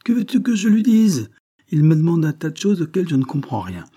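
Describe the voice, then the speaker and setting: Prisonnier amoureux et buté, voix montée, agitée, timbre voilé, joué par un narrateur homme. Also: male voice, a little high, very animated, fairly quick, mellow, pitched above the performer's own voice. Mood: exasperated. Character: despairing jailed young man, lovesick, stubborn.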